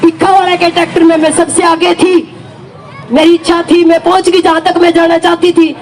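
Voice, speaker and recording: A woman's voice: extremely high pitch, little pitch movement, a little fast, some chatter behind, a little hiss or hum, poor audio. A middle-aged woman with a Haryanvi accent gives an emphatic first-person account of joining a protest, her voice rising at times. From Haryana, India. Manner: emphatic, rises to shouting when retelling. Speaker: farmer protest supporter.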